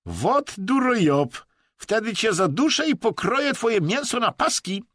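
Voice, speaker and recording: A man's voice: high voice, sing-song, unhurried, a bit bright, no echo, clean studio sound, pitched above the performer's own voice, heavily acted. A man voicing a coarse, threatening male hunter companion in an audiobook. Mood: menacing.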